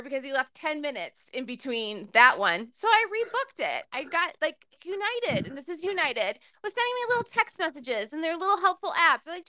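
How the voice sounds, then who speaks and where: A woman co-hosting a podcast, telling an animated story in casual chat and acting out the people she quotes. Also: high-pitched, no echo. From Minnesota. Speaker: podcast co-host.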